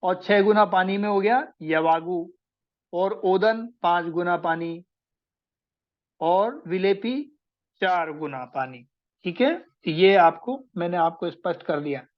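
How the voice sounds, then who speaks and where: A man giving a slow classroom lecture, repeating and recapping each point so students can take notes. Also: high-pitched, muffled recording. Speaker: Ayurveda teacher.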